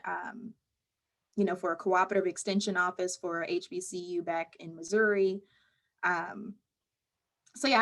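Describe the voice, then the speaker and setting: A woman mental health counselor answering interview questions in a calm, measured, explaining way. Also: medium pitch.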